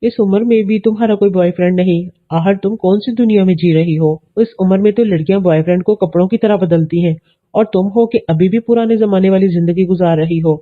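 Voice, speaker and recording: Teasing middle-aged uncle done by a man reading the story, plain even read, tinny phone-like sound. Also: sits high, close to an everyday voice.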